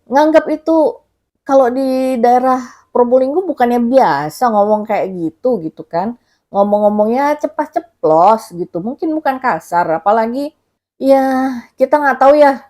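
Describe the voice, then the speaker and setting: A woman's voice: fairly high pitch, a little mellow. A woman vlogger giving casual, rambling spoken commentary, thinking aloud as she goes, recorded on a phone. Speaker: vlogger commenting on a viral case.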